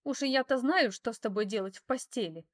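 A woman voicing a brash, hysterical young kept mistress in an audiobook, loud and scornful. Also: fairly high pitch, fairly quick, voice pushed up, lightly acted. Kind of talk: audiobook character voice.

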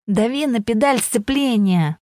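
A woman voicing a gruff man who shouts and swears while teaching someone to drive, in an audiobook. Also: a little high, animated, measured pace, no echo, studio quality, voice pushed up. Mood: exasperated shouting.

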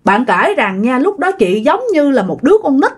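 A woman's voice: sits high, sing-song, normal speed, husky. A woman telling a ghost story in a chatty way, talking straight to her listeners. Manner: chatty, addresses listeners directly.

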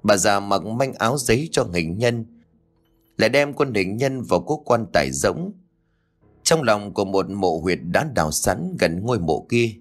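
A man with a very low voice reads a horror audiobook. His delivery is dramatic and suspenseful, with a lot of rise and fall in pitch. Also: expressive, moderate pace, faint music behind. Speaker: audiobook narrator. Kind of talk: scripted horror story narration.

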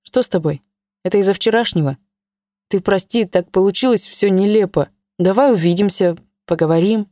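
A woman's voice: medium pitch, moderate pace, warm tone, no echo, natural voice. A woman voicing a middle-aged male boss who coaxes and insists. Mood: pleading. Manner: coaxing and insistent.

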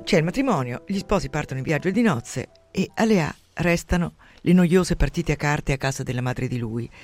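A man hosting a radio program who retells and reads from a novel in an expressive, conversational way. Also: a little high, moderate pace, faint music behind. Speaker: radio host reading and discussing a novel. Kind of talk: literary reading and commentary on radio.

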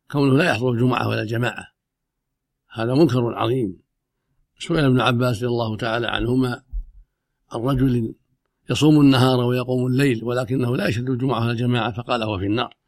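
Stern gravelly male religious scholar, brisk delivery. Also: medium pitch, steady tone, no echo, clean studio sound. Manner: stern, emphatic, repeating himself. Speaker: Islamic scholar answering religious questions. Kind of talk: unscripted religious ruling in formal Arabic.

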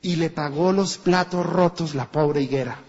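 A man preaching a sermon in a church with a Colombian Spanish accent, animated and acting out the voices of people in his stories. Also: a little high, normal speed. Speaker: pastor. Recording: dull echoey church recording.

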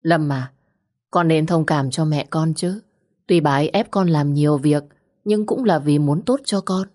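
A woman voicing a calm older father who gives measured, soothing advice. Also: deep voice. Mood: advising.

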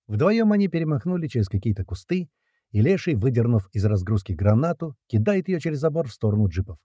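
A man's voice: medium pitch, very animated, fast talker, warm tone, dry recording, studio quality. A man reading a first-person action audiobook aloud, with tense narration and the dialogue read in. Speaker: audiobook reader.

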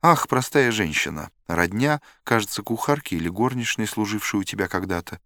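A man's voice: lowish voice, expressive, brisk, fairly bright tone, no room sound, studio quality. A man reading the part of a cold, scornful young woman in an audiobook, teasing and cutting in manner. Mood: offhand.

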